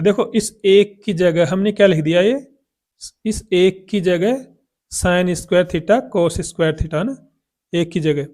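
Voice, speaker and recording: A man's voice: high voice, a little mellow. A man teaching a math lesson, asking questions and answering them himself.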